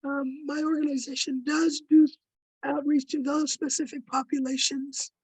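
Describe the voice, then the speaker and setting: A woman with a hoarse, raspy voice that is giving out, politely and haltingly asking a question at an online meeting. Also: high voice, flat delivery, a little mellow, dry recording, rough recording. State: losing her voice, hoarse. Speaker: audience member asking a question.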